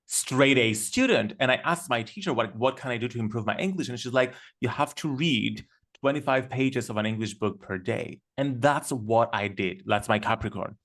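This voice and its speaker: An enthusiastic man whose first language is Greek speaks in a mid-range, slightly bright voice. A guest on a casual podcast conversation, he tells stories eagerly and quickly, with plenty of fillers.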